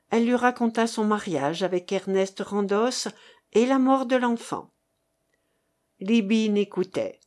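A woman narrating a novel aloud in a measured, expressive storytelling manner. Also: mid-range voice.

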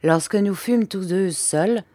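A woman narrating a classic novel in a steady, expressive reading voice. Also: medium pitch, slow pace, no echo. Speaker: audiobook reader. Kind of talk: scripted narration.

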